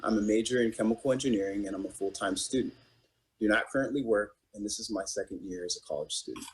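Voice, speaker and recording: A man's voice: on the low side, fast, slightly rough, poor audio. A man in his twenties, a student, introducing himself in a matter-of-fact way. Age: 20s.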